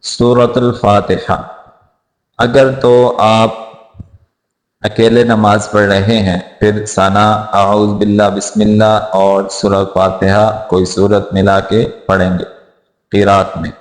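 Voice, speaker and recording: Man, recitation teacher, drawn-out chanting, plain corrections, steady monotone, echoey room. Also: fairly low pitch. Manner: alternates slow drawn-out chanted recitation with brisk spoken explanation. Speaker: Quran and prayer teacher. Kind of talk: slow recitation lesson with spoken corrections.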